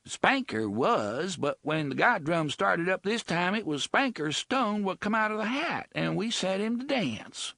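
A man voicing a bitter, ragged older woman who talks in a rough dialect, dogged and scornful. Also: high voice, big pitch swings, measured pace, hardly any pauses, bright, forceful tone, no room sound, clean studio sound, voice pushed up, full character voice. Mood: sullen.

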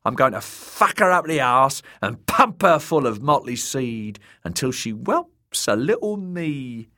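An actor playing a cruel, crude male jester who brays and mocks his victims in a high, shrieking voice. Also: sing-song, measured pace, bright, forceful tone. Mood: leering. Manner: mocking, leering. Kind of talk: audiobook character voice.

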